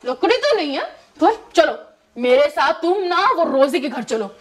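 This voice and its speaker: A woman's voice: high-pitched, big pitch swings, moderate pace. A woman voicing a stern, angry father who scolds and questions his young daughter in a doll-story role-play. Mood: angry, scolding. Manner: shouting, scolding, interrogating.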